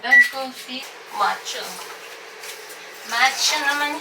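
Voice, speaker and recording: A woman's voice: sits high, takes it slowly. A young adult woman and mother vlogging at home, chatting casually to fellow moms and mixing Tagalog with English. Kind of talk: casual chat to camera. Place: home indoors, kitchen and bathroom. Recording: home video with clear background noise.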